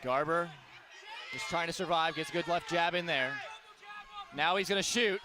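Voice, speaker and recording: A man calling a fight play by play, excited and shouting at the big moments. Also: on the high side, normal speed, crowd noise, background noise. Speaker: play-by-play commentator. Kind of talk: fight commentary.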